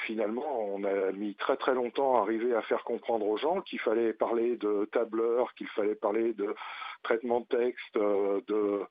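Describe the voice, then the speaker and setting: A man's voice: fairly low pitch, no room sound. A man calling in over a landline phone as a guest on a radio talk show, explaining at length with many hesitations. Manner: explanatory, with frequent hesitations and fillers. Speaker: guest teacher and union representative. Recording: muffled phone line, dry.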